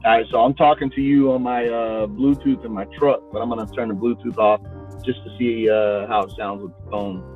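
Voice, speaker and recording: A man's voice: mid-range voice, steady tone, brisk. A man calling in from his truck for a casual chat, heard over a phone line and talking in an easygoing way. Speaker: podcast guest. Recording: tinny phone line, faint music.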